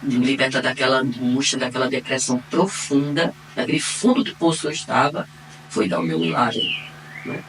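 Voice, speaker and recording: A woman with a Brazilian accent giving a personal faith testimony, acting out the dialogue as she retells it and swinging between quiet and excited. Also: extremely low pitch, brisk, a little hiss or hum. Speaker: testimony giver. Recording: distant mic, faint room ambience.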